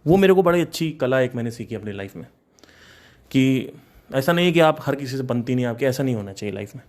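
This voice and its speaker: Talking fast in a mid-range voice, a young Kanpur man tells a personal story with casual energy. He drops in English phrases and breaks into laughter between lines.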